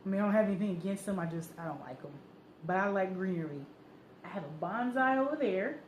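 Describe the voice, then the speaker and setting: A woman talking casually in a sewing vlog, chatty, excitable and prone to rambling. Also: medium pitch, fast. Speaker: sewing vlogger. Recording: roomy echo, faint background noise.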